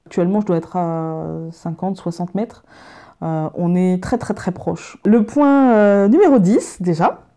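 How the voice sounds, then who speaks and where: A woman from northern France with a light Picard accent talks casually to her viewers. Her voice is warm and mellow, her delivery loose and self-mocking, broken up by fillers, restarts and frequent laughs. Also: lowish voice, measured pace. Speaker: YouTuber doing a tag video. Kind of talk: casual chat to camera.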